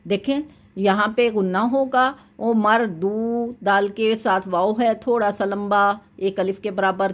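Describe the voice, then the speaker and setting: A woman teaching Quran recitation rules, explaining each point patiently and chanting verses slowly to demonstrate. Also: mid-range voice, dull audio. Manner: often checks in with "thik hai". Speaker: tajweed teacher. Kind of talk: Quran recitation lesson with corrections.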